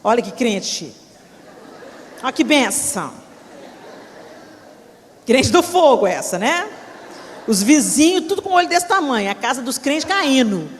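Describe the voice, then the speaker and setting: A middle-aged woman preacher, telling a story in a sermon with lively, dramatic delivery and acted-out voices. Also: high voice, measured pace, pauses often, some chatter behind, a little hiss or hum. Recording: echoey hall reverb.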